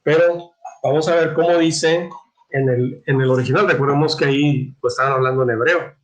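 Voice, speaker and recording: A man teaching a catechism class, reading scripture aloud and explaining it with many restarts, throat clearing and questions to his listeners. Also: mid-range voice, low-quality recording. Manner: halting, repeats words, frequent throat clearing, asks "¿verdad?".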